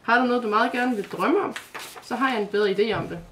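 A woman's voice: a little high, fairly bright tone, a little hiss or hum, close to an everyday voice. A woman reading as a shy dream spirit boy. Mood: earnest.

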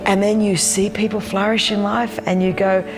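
A woman's voice: medium pitch, flat delivery, normal speed, over music. A woman in her fifties, a guest on a talk show, telling her story with passion and emphasis. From Australia. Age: 50s. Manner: passionate, emphatic, gestures constantly with both hands. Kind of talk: animated testimony on a talk show. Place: large wood-beamed studio loft set.

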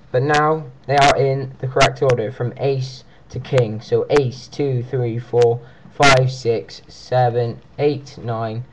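A young man giving casual card magician patter, demonstrating step by step and counting aloud. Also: mid-range voice. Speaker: amateur card magician presenting a trick. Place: indoors at a table, hands on camera. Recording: noisy home recording with clicks.

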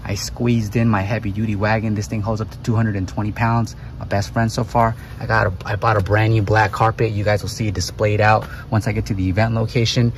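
A man's voice: fairly low pitch, fairly quick, few pauses, background noise. A man vlogging about his photo booth business, talking casually and energetically to camera while he loads his gear outdoors. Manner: energetic, hypes himself up, playful. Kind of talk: casual vlog talk to camera. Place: outdoors by a vehicle, loading equipment.

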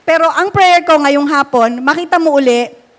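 A woman preaching a sermon to a congregation, animated and conversational, often slipping into English phrases. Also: sits high, normal speed, big-room sound.

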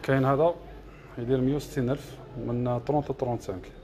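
A man's voice: mid-range voice, fairly even intonation, racing, a little mellow. A man with an Algerian Arabic accent showing shoes in his shop, rattling off prices, sizes and colors in a list. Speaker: shop seller. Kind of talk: product showcase livestream. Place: shoe shop.

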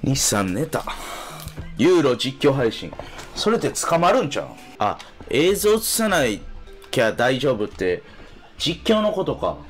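A man's voice: mid-range voice, sing-song, a little slow. A man with a Kansai accent, drunk and rambling as he gives casual commentary on a game livestream. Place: small room at home, indoors. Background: game music.

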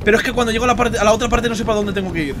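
A young man from Spain with a Spanish accent, streaming a horror game live, often panicking and screaming with rapid repeated words. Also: sits high, heavy background noise.

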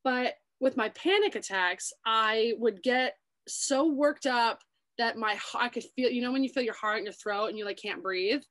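A woman's voice: a little high, normal speed, a bit bright. A young woman hosting a casual chat, talking loosely with lots of filler words. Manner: chatty, many "like" fillers. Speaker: YouTube host. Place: New York City.

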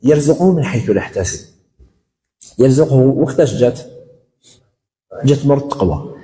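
A man with an Algerian accent giving a religious lecture as an educational counselor, animated and acting out little dialogues as he goes. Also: mid-range voice, normal speed. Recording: roomy hall reverb.

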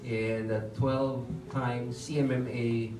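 A young man acting as master of ceremonies at a formal award ceremony, politely calling people up with many hesitant pauses. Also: mid-range voice, level tone. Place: hotel function room, at a lectern. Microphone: lectern microphone, filmed from far off. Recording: roomy far-off hall sound with music. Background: background music.

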